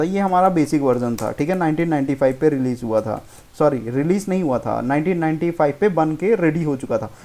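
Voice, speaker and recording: A man's voice: a little high, darkish tone. A man teaching programming in a casual lecture style, who explains informally, keeps checking in with "okay" and corrects himself as he goes. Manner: informal, keeps saying "theek hai", self-correcting. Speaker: programming tutor. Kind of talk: casual Hindi-English lecture.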